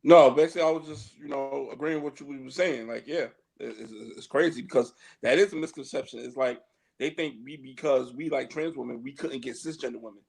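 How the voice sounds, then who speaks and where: A man's voice: mid-range voice, brisk, creaky, darkish tone, husky, rough recording. A man on a podcast in casual chat, boasting with a laugh and talking in slang. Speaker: podcast co-host.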